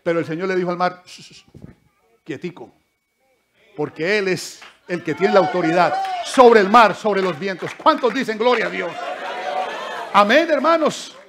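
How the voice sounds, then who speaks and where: Against a noisy background, a high-voiced pastor preaches at a moderate pace in church. He moves from loud exclamations to soft asides, repeatedly addressing the congregation directly as brothers.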